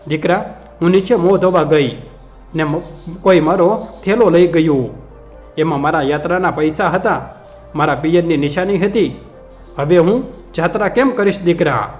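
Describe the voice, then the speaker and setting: A man's voice: fairly high pitch, normal speed, long pauses, a little mellow, soft background music, close to an everyday voice. Man doing a wailing old pilgrim woman. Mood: pleading. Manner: wailing, pleading.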